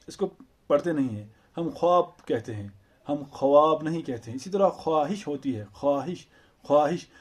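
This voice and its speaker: A man teaching an Urdu grammar lesson, explaining slowly and patiently with repeated examples and rhetorical questions. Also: a little high, darkish tone, husky.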